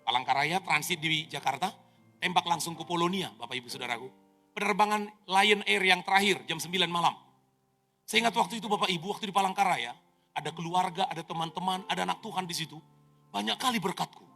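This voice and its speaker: A man in his thirties preaching an animated sermon as pastor, telling stories dramatically with sound effects and jokes, in a reverberant church hall. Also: on the high side, creaky.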